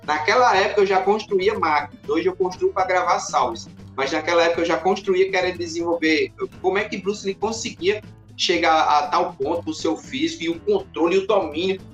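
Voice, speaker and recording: A man, a podcast guest in casual chat, who tells his stories in an animated way and acts out the scenes. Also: high voice, fairly quick, highs cut off, soft background music. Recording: roomy echoey room.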